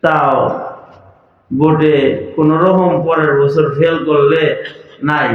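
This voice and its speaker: A male preacher giving a rousing open-air sermon, calling out to the crowd and chanting phrases over loudspeakers. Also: on the high side, steady tone, slow. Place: outdoor religious gathering over loudspeakers. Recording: echoey PA sound from far off, dull.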